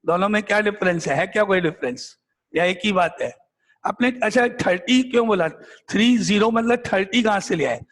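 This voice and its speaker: A male math teacher with a notably high voice works through examples in front of a class, quizzing his students and repeating the same point until it sticks. The sound carries a long reverb, as in a bare classroom. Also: fairly quick, a bit bright. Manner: repetitive, drilling questions back at the class. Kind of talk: classroom lecture, questioning students.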